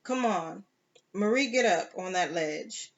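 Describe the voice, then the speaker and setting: A reader voicing a rough, cynical pirate captain who gives gruff, matter-of-fact orders, slow and plainly read. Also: medium pitch, lively intonation, a bit bright, lo-fi sound.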